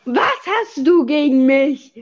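A young woman hosts a casual podcast chat while gaming, teasing and exclaiming in slangy talk. Her voice is high-pitched and expressive, her pace slow, and the sound lo-fi.

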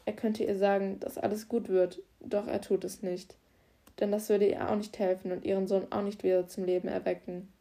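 A woman narrating a German crime story calmly and evenly as an audiobook reader. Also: mid-range voice, normal speed. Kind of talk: scripted narration.

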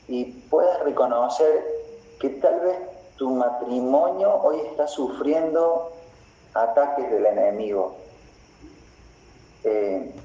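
Slow, dark-voiced preaching pastor. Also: male voice, medium pitch. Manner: slow, deliberate preaching with repeated phrases. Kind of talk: sermon. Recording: roomy, slightly dull recording.

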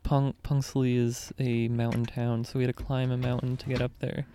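A man's voice: medium pitch, flat delivery, fairly quick, dark tone, slight background noise. A young man chatting casually about travels, easygoing and explanatory, with frequent fillers.

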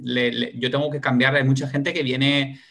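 A man's voice: mid-range voice, level tone, moderate pace, gravelly, fairly bright tone, a little hiss or hum. A man who works as a coach, talking reflectively about his sessions with clients in a casual conversation. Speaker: coach and host.

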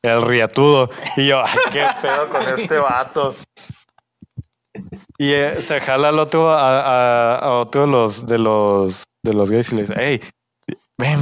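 Animated young Mexican man telling a story. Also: medium pitch, clear, resonant tone, dry recording. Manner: animated, acts out coworkers' lines in raised voices; uses Mexican slang. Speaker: podcast co-host telling a work story. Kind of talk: casual storytelling chat.

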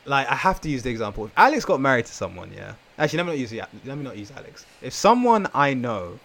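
A man's voice: medium pitch, very animated, fast, vocal fry, fairly bright tone. A man chatting casually on a podcast, emphatic and repeating his phrases. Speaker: podcast panelist.

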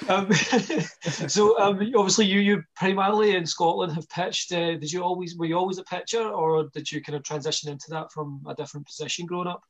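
A man's voice: high voice, steady tone, normal speed, fairly bright tone. A man hosting an interview, asking casual questions with a few fillers. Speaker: podcast host, interviewer.

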